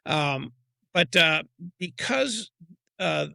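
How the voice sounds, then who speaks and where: Retired-pilot type in his sixties, gravelly, dry earbud audio that glitches and drops out. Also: on the high side, sing-song, drawn-out words, bright, forceful tone, no echo. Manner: rambling storyteller with many fillers. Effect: glitchy audio that keeps cutting out. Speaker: guest, retiring airline pilot. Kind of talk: podcast interview over a video call. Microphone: wireless earbuds on a video call.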